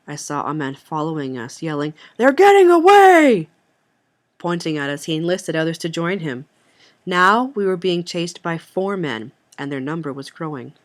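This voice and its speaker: A young woman, a student, reading a memoir excerpt aloud in an earnest, steady way with the odd slip. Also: low voice. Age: young adult. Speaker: student reader.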